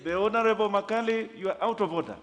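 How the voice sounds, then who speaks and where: A high-voiced man presides as Speaker of a parliament. He gives formal, commanding orders and repeats them firmly, with his voice ringing through a large echoey chamber. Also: fast talker. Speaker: parliamentary Speaker chairing debate. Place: legislative chamber.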